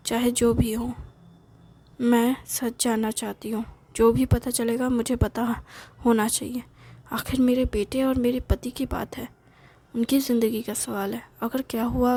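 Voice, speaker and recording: A woman voicing a worried middle-aged mother who scolds her only son in fast, anxious bursts. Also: on the high side, gravelly, dark tone, husky, full character voice. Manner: rapid, nagging, anxious scolding.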